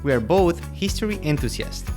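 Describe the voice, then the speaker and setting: A man's voice: on the high side, big pitch swings, normal speed, music in the background. Man from Ecuador co-hosting a podcast. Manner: reads prepared lines evenly, trading turns with co-host. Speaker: podcast co-host. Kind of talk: scripted history podcast.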